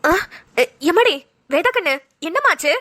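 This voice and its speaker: A woman voicing a patient older mother-in-law in a cartoon, speaking gently and soothingly with fond endearments. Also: very high voice, a little slow, no room sound, studio quality, pitched below the performer's own voice, full character voice. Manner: gentle, calming, endearing terms. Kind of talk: cartoon voice acting.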